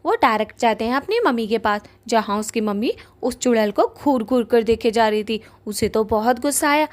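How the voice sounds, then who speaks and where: A woman telling a cartoon ghost story as narrator. Her voice is a bit high, and she keeps the tale moving in a lively way. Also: fairly quick.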